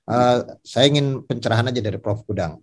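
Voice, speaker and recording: A man's voice: mid-range voice, fairly quick, breathy edge. A man moderating an online religious discussion, asking a question hesitantly with many fillers. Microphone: video call.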